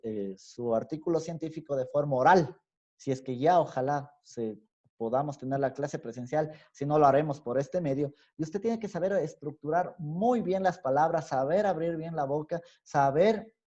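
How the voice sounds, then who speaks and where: A man with an Ecuadorian highland accent lectures in an online class in a mellow, darker voice. He explains patiently and often stops on a rising "¿sí?" to check that students follow. The audio is dull and lo-fi, as from a video call. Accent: Ecuadorian highland Spanish. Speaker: university teacher. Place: home room on a video call. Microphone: computer mic on a video call.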